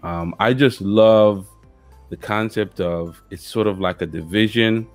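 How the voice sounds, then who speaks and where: A man appearing as a guest on a gaming podcast, speaking in a measured, thoughtful way. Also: lowish voice, dry recording, soft background music. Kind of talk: casual gaming podcast chat.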